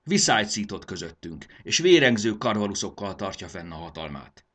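A man voicing a gentle, earnest male rebel leader who pleads with his cousin in a storybook reading. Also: fairly low pitch, very animated. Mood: pleading. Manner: pleading, appealing to family ties.

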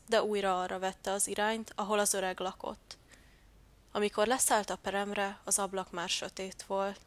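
A woman narrating a children's Christmas story in a calm, gentle storytelling manner. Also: medium pitch.

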